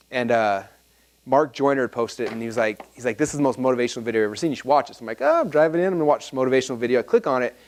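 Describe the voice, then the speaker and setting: A man talking to a live seminar audience, telling rambling, animated stories full of fillers and restarts. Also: mid-range voice. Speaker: marketing seminar speaker.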